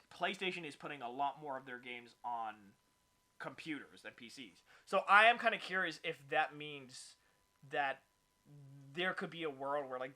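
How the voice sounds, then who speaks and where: A man hosting a casual gaming podcast, rambling with lots of fillers and getting excited as he runs through news. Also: mid-range voice. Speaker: podcast host. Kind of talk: casual chat.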